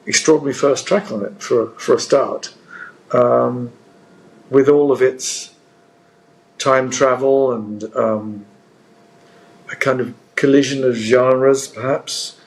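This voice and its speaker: A male musician answers interview questions in a halting way. He pauses often and fills the gaps with ums. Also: medium pitch, fairly even intonation, low-quality recording. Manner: hesitant, halting with many fillers. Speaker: musician guest.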